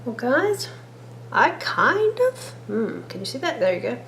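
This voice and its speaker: A woman talks slowly and warmly to her viewers as she cooks, in a chatty, homey vlog manner. Her voice sits a little high. The kitchen sounds echoey, with a faint hum of room noise behind her. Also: big pitch swings, gravelly. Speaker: cooking vlogger. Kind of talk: casual cooking vlog. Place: home kitchen.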